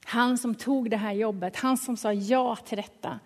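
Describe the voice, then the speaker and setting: A woman preaching a sermon in a lively, colloquial way, dropping now and then to a soft hush. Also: fairly high pitch. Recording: long reverb of a large hall.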